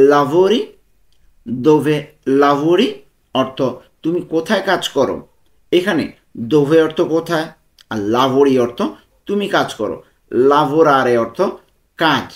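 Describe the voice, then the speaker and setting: A man with a Bangladeshi accent teaching a language lesson, repeating example phrases slowly and deliberately. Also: fairly high pitch. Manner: slow, deliberate spelling-out of foreign phrases, rising on the examples.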